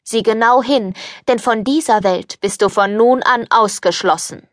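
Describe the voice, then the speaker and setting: A woman's voice: on the high side, unhurried, no echo, clean studio sound, lightly acted. A woman reading an audiobook, voicing an old beggar woman who turns into a stern fairy, speaking solemnly.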